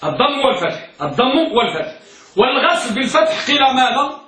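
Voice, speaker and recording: A man's voice: extremely high pitch, sing-song, fast talker, sharp tone. A man teaching a class, quizzing students with repeated questions and urging them to speak up. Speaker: teacher of hadith. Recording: echoey room, voice from far off.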